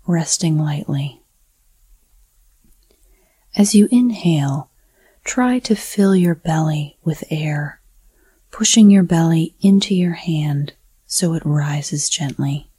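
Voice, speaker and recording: A woman whispering a slow, soothing guided breathing meditation. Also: deep voice, animated, warm tone, breathy edge, no room sound.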